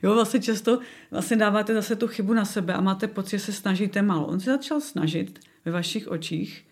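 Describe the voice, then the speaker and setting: A woman, a consultant for clients, talking calmly in a podcast conversation and voicing quoted lines. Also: mid-range voice.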